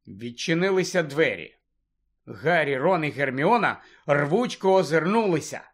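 A man reading a novel aloud as an expressive audiobook narrator. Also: fairly high pitch, measured pace. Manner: expressive storytelling. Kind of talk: scripted narration.

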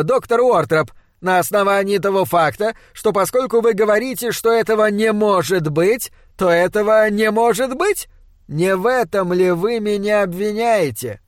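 A man's voice: high-pitched, no room sound, clean studio sound, voice pushed up. A man playing a mocking old Austrian professor. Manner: sarcastic, theatrical cross-examining.

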